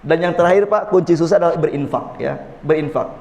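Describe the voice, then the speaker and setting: A man with a slightly high, darkish voice talks fast as he preaches a folksy mosque sermon full of jokes, often addressing his listeners directly as "Pak". The long reverb of a mosque hall surrounds the recording.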